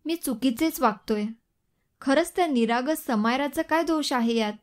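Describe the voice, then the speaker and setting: A woman's voice: high voice, moderate pace, natural voice. A woman voicing a troubled young man brooding over his guilt in a Marathi audio story. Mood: regretful. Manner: brooding inner monologue.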